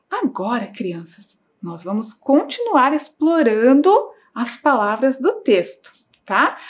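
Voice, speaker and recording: A woman primary school teacher giving a slow, clear lesson to young children, patient and sing-song, stretching out syllables. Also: fairly high pitch. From Brazil. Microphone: broadcast studio mic.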